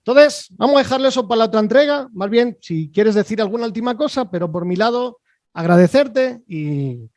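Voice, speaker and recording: A man with a fairly high voice hosts an online interview from a video call, talking in a loose, chatty way with plenty of fillers. His sound is dry and close, with no room around it. He keeps checking in with his guest as he goes. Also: animated, a little fast, a little mellow, no room sound. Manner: chatty, rambling, with frequent fillers and "¿vale?" tags. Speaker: host.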